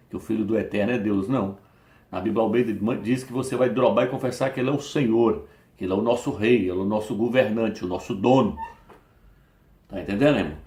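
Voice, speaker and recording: An insistent male preacher talks straight to his listeners and keeps calling them brother. His voice sits in an ordinary middle pitch. It rings with the echo of a bare room. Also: darkish tone. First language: Portuguese. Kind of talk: preaching to camera.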